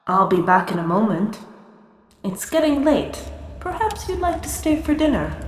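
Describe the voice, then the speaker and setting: Wicked old witch, voiced by a man, high falsetto, sly and coaxing, storybook reading, echoey room, long reverb. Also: sing-song, moderate pace, slight background noise.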